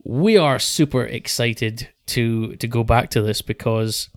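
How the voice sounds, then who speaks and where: Man, podcast host, medium pitch, casual, earnest, repeats phrases, very dry sound. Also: a little slow, no room sound.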